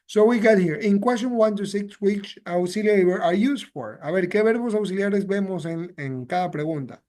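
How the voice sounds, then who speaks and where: High-voiced bilingual English teacher. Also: male voice, moderate pace, a little mellow. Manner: mixes English and Spanish, repeats phrases with "¿ya?" and "¿ok?". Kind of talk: bilingual classroom explanation.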